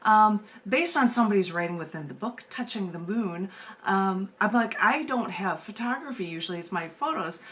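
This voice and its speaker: Hosting an open mic over video call, a poet reads her work aloud, shifting from casual talk into narrative reading. Her mid-range voice is a bit bright, with lively intonation and a moderate pace, amid noisy room sound.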